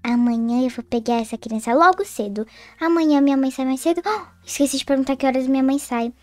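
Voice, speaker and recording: High, cooing girl in a game role-play. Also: fast, no room sound. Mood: eager. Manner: cooing, excitable, talks to herself. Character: sweet, scheming schoolgirl who loves babies. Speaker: channel host and role-play player.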